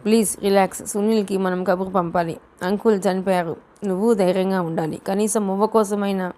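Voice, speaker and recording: A gentle young man in a storybook speaks in soothing, coaxing tones. A woman narrator reads his lines in her own voice. The pitch sits in the middle of a woman's range. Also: fairly even intonation, brisk, close to an everyday voice. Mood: consoling. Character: gentle young man, lecturer, calming and consoling.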